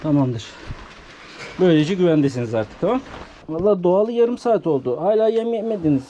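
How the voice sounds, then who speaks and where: A man vlogging from his farm, talking casually and soothing animals with quiet, repeated hushes. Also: high voice, lively intonation, a little fast, muffled recording, a little hiss or hum. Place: farm in a rural village, outdoors. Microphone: body-worn camera mic.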